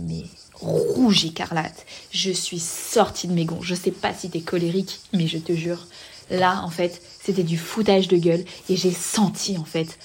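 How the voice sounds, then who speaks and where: A young adult woman hosting a podcast, telling a personal story in a casual, animated way, with slang and frequent asides to the listener. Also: fairly low pitch, a little hiss or hum. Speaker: podcast host.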